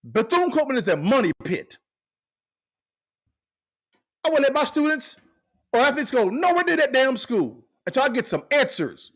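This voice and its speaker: A man's voice: very high voice, very animated, normal speed, long pauses, a bit bright. A man hosting a podcast, giving fired-up commentary and asking the same pointed questions again and again. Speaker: podcast host. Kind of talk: impassioned commentary.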